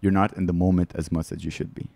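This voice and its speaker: A man's voice: deep voice, little pitch movement, fast, gravelly, darkish tone, no echo. A male comedian guest chatting casually on a podcast, telling candid, rambling stories and laughing between lines. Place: studio.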